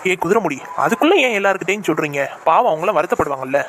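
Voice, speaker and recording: A gentle young wife in a homemade cartoon, voiced by a woman in a put-on low register. She speaks quickly and softly, in a pleading tone. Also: lively intonation, background noise, close to an everyday voice.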